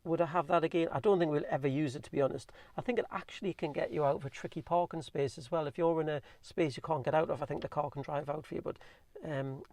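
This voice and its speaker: A man with a Geordie accent rattling through a casual, rambling Q&A, talking fast with plenty of ums and restarts. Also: on the high side, fairly even intonation, darkish tone, dry recording. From North East England. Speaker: vlogger reviewing his car. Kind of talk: casual chatty Q&A.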